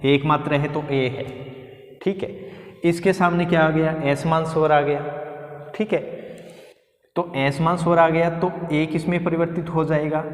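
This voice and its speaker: A man's voice: on the high side, steady tone, normal speed, long pauses. A man teaching a Hindi grammar lesson to exam students, explaining step by step and asking questions that he answers himself. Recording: echoey room with long reverb.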